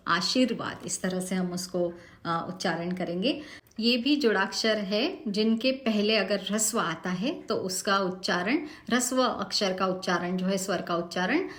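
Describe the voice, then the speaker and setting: A woman gives a recorded lesson on reciting a devotional hymn, speaking slowly and patiently. She draws out each example syllable in a mid-pitched voice. The recording carries a noticeable room echo. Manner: slow, patient, drawn-out example words. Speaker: teacher of Sanskrit hymn pronunciation.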